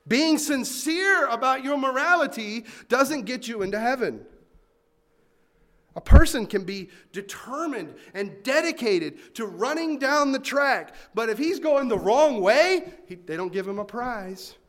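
High-voiced man preaching a sermon. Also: measured pace. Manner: animated, conversational preaching with asides. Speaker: pastor.

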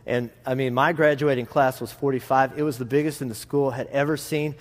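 This man, speaking in a rural Texas drawl with a mid-range voice and a steady tone, talks a little fast. He delivers a conversational sermon full of anecdotes, folksy, rambling, and self-deprecating, to a congregation in a large room, and the recording has a reverberant hall sound.

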